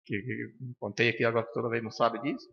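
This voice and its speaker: A man with a Curitiba Brazilian accent leads an informal study class at a spiritist center, speaking quickly and firmly. He keeps slipping into quick acted exchanges with the people he treats. The recording is dull and lo-fi, with a long reverb trailing off the walls of the hall. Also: mid-range voice, gravelly. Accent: Brazilian Portuguese, from Curitiba. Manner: animated, acts out dialogues with patients; blunt and firm, frequent "né?" tags. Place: spiritist center lecture room.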